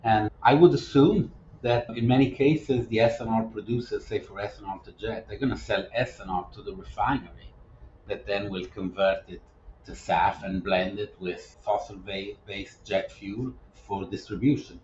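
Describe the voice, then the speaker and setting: A man who works as a business development advisor, answering interview questions in a measured, explanatory way and often restarting his sentences. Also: on the low side, steady tone, a little mellow, echoey room, muffled recording, a little hiss or hum.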